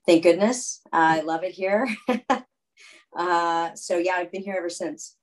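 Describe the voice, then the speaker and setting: An athlete from California, United States, joins a casual video call interview from a room at home. Her low voice is a little slow and relaxed, rambling with fillers and restarts, and the audio quality is poor.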